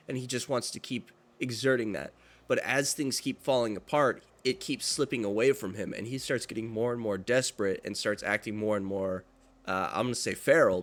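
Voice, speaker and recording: This man's voice sits at a medium pitch and sounds a little bright. He's co-hosting a podcast in relaxed conversation, wandering through his points with plenty of fillers and false starts.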